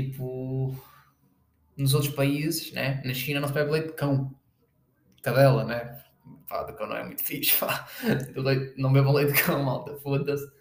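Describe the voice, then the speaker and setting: A man's voice: mid-range voice, roomy sound. A young man with a European Portuguese accent, hosting a casual solo podcast in a rambling, slangy way, full of fillers. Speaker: podcast host.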